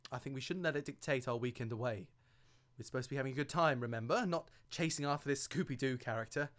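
A man's voice: mid-range voice, fast, fairly bright tone, close to an everyday voice. A man playing a joking young husband. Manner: wisecracking, turns worried and protective. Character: young husband on a weekend away, joking and caring. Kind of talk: audio drama acting.

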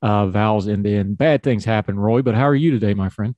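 A man's voice: fairly low pitch, fairly quick, dark tone, no room sound, highs cut off. Folksy male host with an Appalachian hillbilly accent. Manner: folksy, informal. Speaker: talk show host. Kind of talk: conversational interview.

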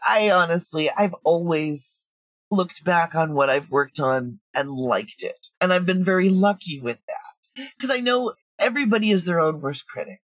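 A middle-aged woman who writes and produces audio dramas speaks as an interview guest, candid, blunt, talkative, and self-assured. Her fairly low voice is animated and moves at a moderate pace, though the recording is dry and muffled.

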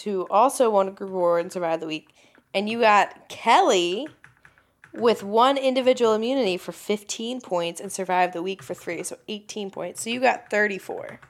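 A woman co-hosting a casual podcast chat who hesitates as she thinks and jokes with dry sarcasm. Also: mid-range voice. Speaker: podcast co-host.

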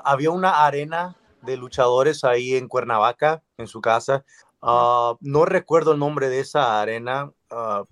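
A Mexican man talking as a guest in a casual conversation, relaxed and laughing between phrases. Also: medium pitch, no room sound.

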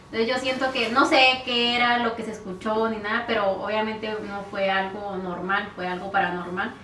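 A woman telling a story in casual podcast chat, animated, acting out family voices and laughing often. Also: mid-range voice, normal speed, slight background noise.

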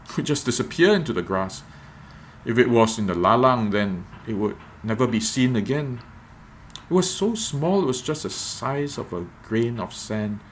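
A man giving a reflective devotional podcast talk as a preacher, measured and repeating phrases for emphasis. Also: on the low side, expressive, slight background noise.

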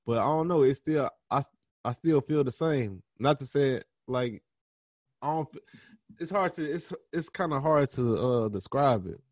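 A young man hosting a podcast, answering interview questions in a relaxed, slangy way, often pausing and restarting as he thinks aloud. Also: mid-range voice, no room sound. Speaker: podcast host being interviewed. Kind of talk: casual interview conversation.

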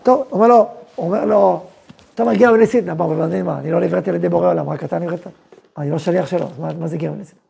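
A man teaching a Torah class as a rabbi, telling a story and acting out its voices with emphatic, lively delivery. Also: sits high, creaky, husky. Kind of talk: animated Torah lesson with storytelling.

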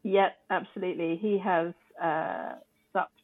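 A woman's voice: lowish voice, moderate pace. Chatty woman on a tinny line. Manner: chatty, laughs easily, many fillers. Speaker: podcast co-host. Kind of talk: casual chat.

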